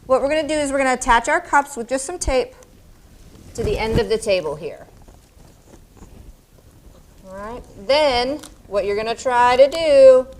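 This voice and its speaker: A woman's voice: high voice, animated, moderate pace, long pauses, a little mellow, a little hiss or hum. A woman hosting a kids' show, explaining and playing a game in a peppy, friendly way. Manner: peppy, friendly, addresses children directly. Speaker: children's museum host.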